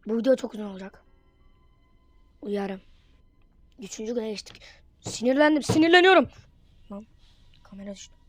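A woman giving casual commentary while playing a horror game, excitable and quick to get frustrated. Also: mid-range voice, no room sound, soft background music. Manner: excitable, bursts into frustrated yelps. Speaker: gamer.

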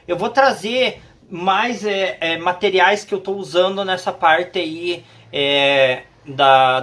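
A man's voice: high-pitched, a bit bright. A Brazilian man in his thirties gives a casual product review to camera, speaking hesitantly and repeating phrases for emphasis. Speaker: YouTube gear reviewer. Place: small home office room indoors.

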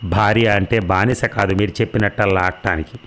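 A man voicing a proud, domineering middle-aged wife who answers with drawling, haughty retorts, in his own low voice. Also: steady tone, a little fast, a bit bright, close to an everyday voice.

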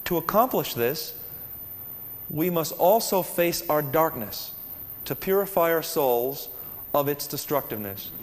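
A man's voice: on the high side, expressive, measured pace, in a large hall. A man giving a spiritual lecture to a live audience, earnest and conversational, often putting questions to his listeners.

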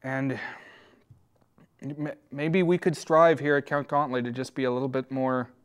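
A man plays an undead count hosting a comedy horror show from a crypt. The voice is medium in pitch and resonant. He speaks haltingly and earnestly, feeling his way through ponderous thoughts. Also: steady tone, smooth, lightly acted. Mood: pensive, somber. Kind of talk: comic sketch monologue.

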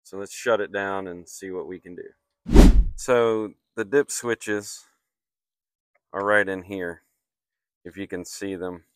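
A man talks through a repair at an unhurried, deliberate pace, plain and matter-of-fact. His voice is slightly low and clean, with a dry sound and no room echo around it. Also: steady tone, clear, resonant tone. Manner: slow, matter-of-fact explaining while working. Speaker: HVAC technician. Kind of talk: hands-on repair walkthrough. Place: outdoors on a flat commercial rooftop.

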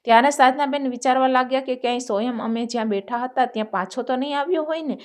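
Woman narrating a story, fairly high voice. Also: quick pace.

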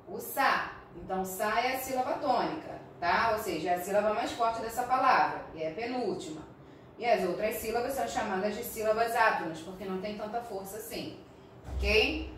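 A woman primary school teacher with a Brazilian accent, slowly and patiently explaining a recorded class lesson and often checking in with her pupils. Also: on the high side, animated, a little hiss or hum. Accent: Brazilian Portuguese. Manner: slow, patient, frequent check-ins with the class. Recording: echoey room, mic at a distance.

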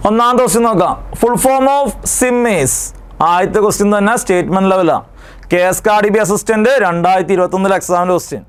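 A man's voice: high voice, quick pace, clean tone. A man teaching an exam prep lesson, who drills terms by asking a question and then repeating the answer.

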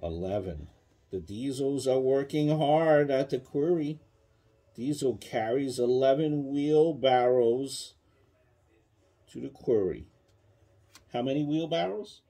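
Slow and mellow, with long pauses, a man's mid-range voice guides a child through a counting book at bedtime. He patiently prompts with questions. The setting is a small child's bedroom indoors.

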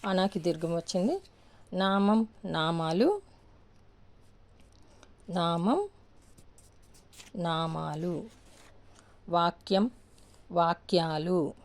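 A woman's voice: on the low side, expressive, drawn-out words, pauses often. A woman teaching a grammar lesson, patiently repeating each word pair and answering her own questions. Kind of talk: slow step-by-step grammar lesson.

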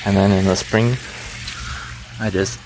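A man chatting casually to his phone outdoors in a backyard as he vlogs, halting, grumbling and swearing as he goes. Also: sits low, fairly even intonation. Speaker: vlogger. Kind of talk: casual first-person outdoor vlog chat, muttering to camera. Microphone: handheld phone held by the speaker. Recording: noisy handheld outdoor phone recording.

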